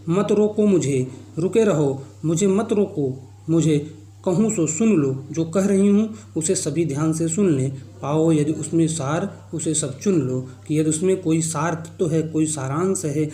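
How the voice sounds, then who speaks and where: A male teacher with a slightly high, dark-toned voice recites lines of a Hindi poem and explains each one in plain words. The recording is made in an echoey room.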